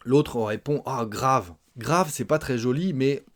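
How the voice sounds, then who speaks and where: A man past his twenties teaching spoken French, explaining carefully and repeating example phrases slowly, often adding "hein". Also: medium pitch. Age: older than twenties.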